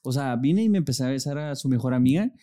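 A man's voice: medium pitch, expressive, quick pace, warm tone. A young man, co-hosting a podcast, reminiscing in a rambling casual chat full of fillers. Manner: rambling, many fillers like "o sea". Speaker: podcast co-host.

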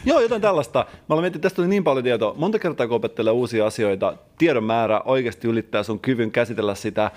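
A man's voice: mid-range voice, lively intonation, few pauses, darkish tone. A man co-hosting a comedy podcast, riffing in a mock-serious, teacherly way. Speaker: podcast co-host. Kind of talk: casual comedic podcast chat.

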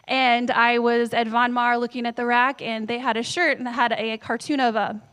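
Woman pastor in her thirties with a slightly high voice, preaching chattily to her church and quizzing the crowd. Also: flat delivery, normal speed, fairly bright tone, clear, resonant tone. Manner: conversational, tells family stories, asks the audience questions. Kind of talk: sermon. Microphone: handheld microphone.

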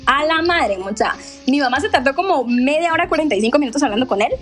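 A woman of twenty-nine, co-hosting a casual chat. She tells stories in an animated way, swears freely and acts out the dialogue. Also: sits high, fast, faint music behind. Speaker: podcast co-host.

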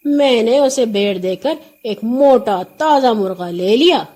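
A woman's voice: a little high, expressive, mellow. A woman playing easygoing peasant Raja. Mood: pleading.

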